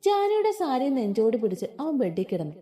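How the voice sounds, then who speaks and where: A woman narrating a romantic family story in an expressive storytelling manner. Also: sits high, fairly quick.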